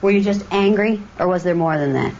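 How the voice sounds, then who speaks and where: A woman's voice: medium pitch, brisk, darkish tone, a little hiss or hum. A middle-aged woman, a former teacher, leading a reflective group discussion with probing, direct questions. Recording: dull lo-fi documentary audio.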